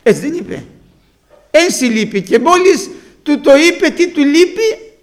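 A man preaching a sermon to his congregation, retelling conversations and swinging between soft asides and emphatic bursts. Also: very high voice, expressive.

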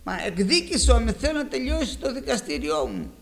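A preacher doing a pleading persistent widow. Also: male voice, very high-pitched, huge pitch swings, vocal fry, exaggerated voice.

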